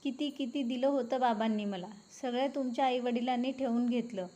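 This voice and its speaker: A woman's voice: on the high side, steady tone, moderate pace, dark tone, close to an everyday voice. A woman voicing a resentful young wife who speaks in a scornful, reproachful way. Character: resentful young wife, bitter and sharp-tongued.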